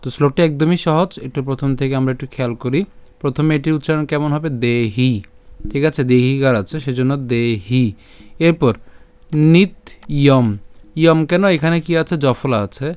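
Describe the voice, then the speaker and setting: A Bengali-accented man teaching Sanskrit verse pronunciation, breaking words into syllables, repeating them slowly and answering his own questions. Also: on the high side, fairly even intonation, a little mellow, clear, resonant tone, no room sound. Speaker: Gita recitation teacher. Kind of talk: slow syllable-by-syllable pronunciation lesson.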